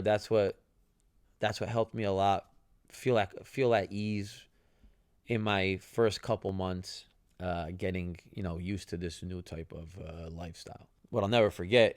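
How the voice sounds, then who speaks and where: A young podcast host, once a soccer player and a native Italian speaker, tells stories casually in a low, darkish voice, leaning on fillers and "right?" tags. The sound is dry and clean, studio-quality.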